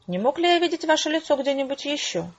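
A woman's voice: high-pitched, sing-song, fast, pitched above the performer's own voice. Woman doing a suspicious, insistent male doctor. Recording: dull lo-fi recording.

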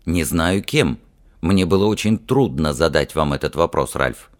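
A man reading an audiobook, voicing a troubled young nobleman who speaks low and muted. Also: lively intonation, measured pace.

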